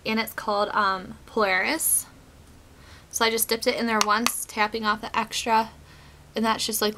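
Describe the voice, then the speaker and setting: Sitting near her webcam in a small bedroom, a young woman who makes beauty videos talks through her makeup in a mid-range voice, chatty and relaxed, full of "um" and "like". A cold has left her voice worn and cutting in and out, yet it sounds bright and slightly edgy. There's slight background noise.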